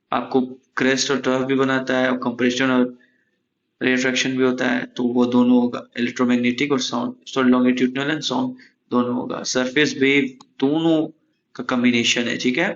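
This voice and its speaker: A man's voice: mid-range voice, little pitch movement, normal speed, slight background noise. Male exam-prep tutor, casual lecture over slides, mid voice, somewhat muffled audio. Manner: chatty, repeats "ठीक है?" to check in. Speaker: exam coaching teacher. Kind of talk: casual Hindi-English lecture. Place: room at home, AC running.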